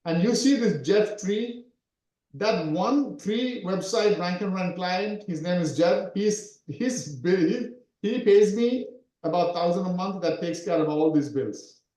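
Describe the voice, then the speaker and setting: A man in his forties, raised in Sri Lanka, talks in a high but mellow voice, coaching and again and again asking "right?" to check that people follow. The sound has a roomy echo, as if it was taken on a call in an untreated room. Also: expressive, a little slow. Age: 40s. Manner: repetitive, keeps asking "right?". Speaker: SEO coach. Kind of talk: coaching talk in an interview.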